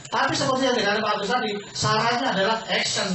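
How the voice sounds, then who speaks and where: Persuasive high-voiced man in echoey hall. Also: very fast, recorded from a distance, background noise. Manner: persuasive, keeps addressing listeners as sir and quizzing them. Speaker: business opportunity presenter. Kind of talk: sales seminar pitch to an audience.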